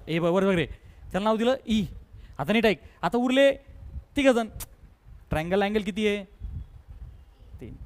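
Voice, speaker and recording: A man with a Marathi accent teaching a math lesson, briskly coaxing pupils and drilling them with repeated questions. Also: sits high. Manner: brisk, coaxing, keeps prompting pupils to answer quickly; repetitive call-and-response questioning. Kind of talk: online class lesson.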